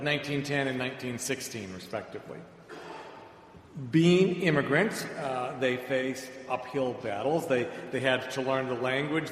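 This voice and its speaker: A middle-aged male preacher from the Chicago suburbs delivers a sermon with personal anecdotes in a conversational, dryly humorous manner. His voice is mid-pitched. The recording comes from an echoey hall with long reverb and background noise.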